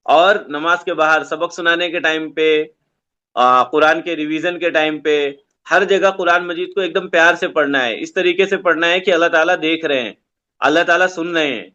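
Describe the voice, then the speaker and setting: A man's voice: fairly high pitch, sharp tone, dull audio. A man teaching an online Islamic studies class to children over a video call, giving simple, repetitive instructions.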